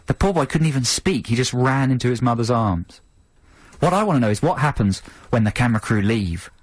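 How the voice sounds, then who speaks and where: A man's voice: mid-range voice, animated, a little fast, no room sound. A man in his thirties hosting a radio show, chatting and telling rambling, wry stories in a studio. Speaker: radio host. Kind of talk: casual chat on a radio show. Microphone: studio microphone.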